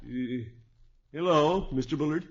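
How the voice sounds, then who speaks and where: An actor playing a blustery, warm-hearted middle-aged uncle in theatrical 1950s radio comedy style. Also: male voice, on the high side, a little slow. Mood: awkward, coaxing. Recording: muffled vintage 1950s radio broadcast.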